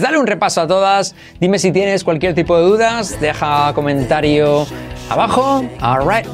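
A man teaching English phrases in a casual video lesson, playfully repeating words slowly to model how they sound. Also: a little high.

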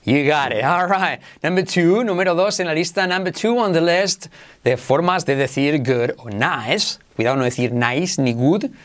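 A man from Spain with a Spain Spanish accent runs an online English lesson, his voice rising and falling in lively swings. He is enthusiastic, calls himself exaggerated, and drills each word slowly so the listener can repeat it. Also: fairly high pitch. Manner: enthusiastic, self-described exaggerated, drills words slowly for repetition. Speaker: English teacher.

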